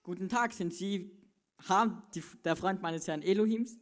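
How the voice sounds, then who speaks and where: A woman's voice: medium pitch, unhurried, close to an everyday voice. A woman playing a polite, dutiful male servant who speaks to his master in a formal, courteous butler manner, in a church children's Bible play.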